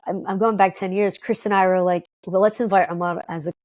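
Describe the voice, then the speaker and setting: A woman from Detroit, talking as an interview guest in an upbeat, quick way with many fillers and restarts. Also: mid-range voice, steady tone, darkish tone, dry recording. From Detroit, United States. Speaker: guest, company co-founder. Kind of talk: conversational interview.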